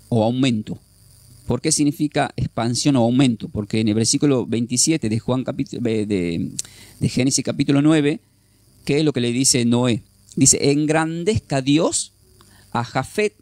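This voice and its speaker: Male Bible teacher, mid-pitched, close dry sound, explains and checks in with the class. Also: a little mellow, no room sound. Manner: explains step by step, often asks the class "¿sí?"; repeats and restarts while thinking aloud.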